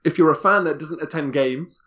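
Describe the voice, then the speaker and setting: A man's voice: on the high side, brisk, fairly bright tone, highs cut off. A man, a guest in a casual podcast conversation, talking candidly and emphatically, often repeating himself.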